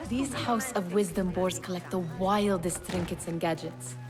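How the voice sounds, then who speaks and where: A woman's voice: lowish voice, moderate pace, faint music behind, close to an everyday voice. An actress playing a curious, teasing young woman adventurer in video game dialogue.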